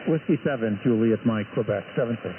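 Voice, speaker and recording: A man's voice: on the low side, a little fast. An older man chatting wryly on a ham radio call, his voice coming through a radio receiver. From California. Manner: relaxed, wry, chatty. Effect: heard over a ham radio receiver. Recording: tinny, noisy shortwave radio signal.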